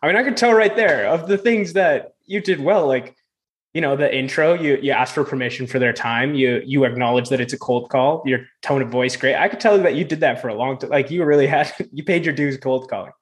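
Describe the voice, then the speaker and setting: A man's voice: mid-range voice, fairly quick. Man, young adult, mid-range voice, podcast host, casual interview, rambling questions. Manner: asks long rambling questions with many fillers.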